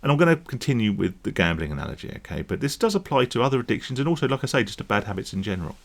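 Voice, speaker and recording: Very fast and creaky, his medium-pitched voice swings widely in pitch. He's a YouTube vlogger rambling conversationally to camera about recovering from gambling, regularly asking "right?" and "okay?" to check in.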